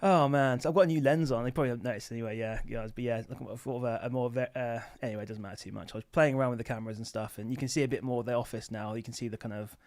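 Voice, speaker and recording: Man, medium pitch, informal livestream host, rambling casual chat, dry close sound. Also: steady tone, very fast, few pauses, darkish tone, no room sound. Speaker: livestream host answering questions about online selling. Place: office.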